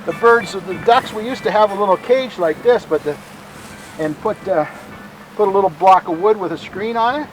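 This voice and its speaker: Male tour guide, calm museum manner, high-pitched, plain-spoken and halting, faint outdoor noise. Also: rough recording. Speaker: bird sanctuary museum guide and bird bander. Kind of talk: informal guided tour, explaining.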